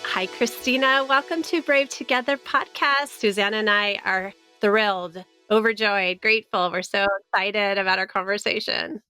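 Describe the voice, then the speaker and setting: A woman's voice: mid-range voice, normal speed, few pauses, faint music behind. A woman hosting a podcast, greeting her guest with effusive enthusiasm. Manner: warm, effusive welcomes. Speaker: podcast host. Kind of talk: conversational interview.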